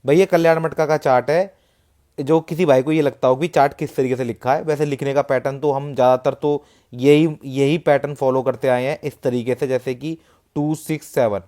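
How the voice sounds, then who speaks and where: A man's voice: mid-range voice, fairly even intonation, moderate pace, dark tone. A man talking casually to viewers and walking through a number chart step by step, repeating himself often. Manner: chatty, repetitive, walks through a chart step by step. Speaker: matka chart tipster. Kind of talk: casual explainer talk to viewers.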